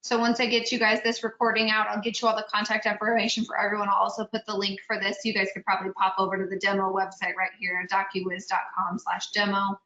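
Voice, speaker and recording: A woman moderating a panel webinar on a video call, relaying audience questions with upbeat, quick acknowledgements. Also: medium pitch, monotone, sharp tone. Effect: video call audio. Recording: muffled, roomy video call audio.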